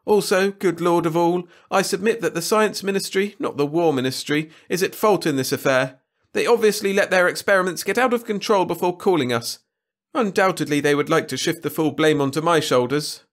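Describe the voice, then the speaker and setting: A man's voice: fairly high pitch, fairly quick, voice pushed up, close to an everyday voice. A man voicing a groveling male alien war lord who whines and pleads with his ruler. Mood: pleading. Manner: whining, pleading.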